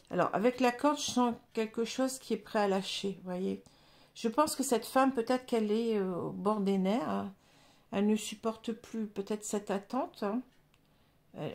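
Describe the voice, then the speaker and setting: A woman with a French accent reads tarot cards for her viewers in an unhurried, hesitant way, with plenty of fillers along the way. Her voice has a gravelly edge. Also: medium pitch, a little mellow. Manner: hesitant, many fillers, addresses viewers directly. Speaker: tarot reader. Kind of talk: casual tarot reading monologue.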